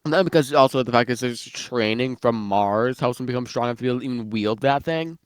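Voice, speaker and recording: A man's voice: mid-range voice, fast talker, clear, resonant tone, dry recording, studio quality. A man chatting casually about fictional lore, rambling with lots of fillers and restarts while eating, so he sounds slightly muffled. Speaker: guest worldbuilder.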